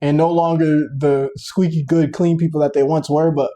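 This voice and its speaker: A man co-hosting a podcast in casual chat, ranting in an animated, sarcastic way. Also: fairly high pitch, normal speed. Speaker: podcast co-host.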